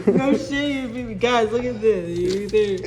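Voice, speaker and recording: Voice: medium pitch, a little mellow. A livestream host chatting casually while cooking, with crude, profane, teasing banter aimed at viewers and stammered, repeated phrase openings. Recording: music and sizzling pan behind. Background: music, food frying.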